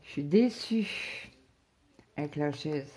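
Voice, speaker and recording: A woman's voice: low-pitched, lively intonation, takes it slowly, dark tone, husky. A woman chatting casually to her viewers about her day, rambling, with many fillers and restarts. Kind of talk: casual personal chat to viewers.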